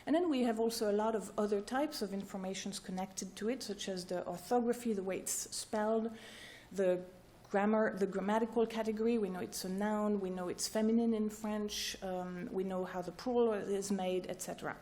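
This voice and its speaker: Mellow-voiced woman giving an academic talk. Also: mid-range voice, fairly even intonation, moderate pace. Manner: explains step by step, often checks in with "right?" and "okay?". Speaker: researcher presenting at a workshop. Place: lecture room with an audience.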